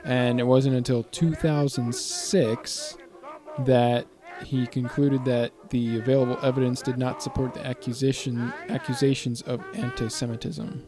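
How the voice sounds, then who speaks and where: A man with a mellow, dark voice talks slowly and hesitantly as a co-host, filling gaps with ums and likes and laughing often. Faint music plays behind him. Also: medium pitch, flat delivery. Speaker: podcast co-host. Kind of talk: casual chat reading from web articles.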